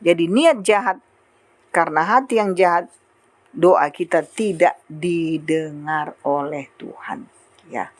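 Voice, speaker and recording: A woman preaching a sermon in an animated way, acting out the prayers and remarks she quotes. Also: sits low.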